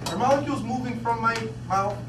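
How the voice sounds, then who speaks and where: Lively male teacher in echoey classroom. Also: very high-pitched, fast. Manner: lively, questioning, repeats words. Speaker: physics teacher. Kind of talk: classroom demonstration. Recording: echoey classroom, distant mic, background noise.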